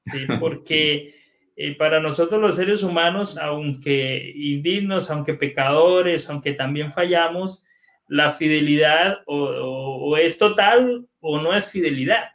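Male guest pastor, unhurried, interactive sermon delivery. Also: on the high side, a bit bright. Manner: engaging, asks the audience questions. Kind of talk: sermon-like teaching.

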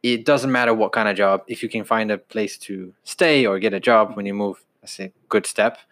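A man in his twenties from Denmark, chatting on a podcast. His voice sits low, and he tells his stories in a relaxed, unhurried way, sometimes restarting a sentence. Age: 20s. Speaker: podcast co-host. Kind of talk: casual chat.

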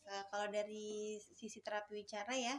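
A woman's voice: mid-range voice, level tone, brisk, slight background noise. A woman speech therapist, a guest on an interview show, explaining her work in a casual, hesitant way with many fillers and restarts.

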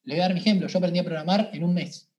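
An Argentine man speaks as a podcast guest, recounting his own experiences in lively, slangy Spanish. He keeps restarting his sentences as he goes, with the energy of a born storyteller. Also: sits high, very fast, dull audio. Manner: animated, colloquial, frequent restarts. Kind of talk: casual interview storytelling.

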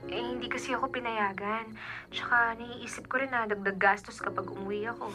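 A woman's voice: a little high, steady tone, fairly quick, natural voice. A woman playing a weary, apologetic wife and mother working overseas in a radio drama, reassuring and evasive in manner. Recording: background music under the voice.

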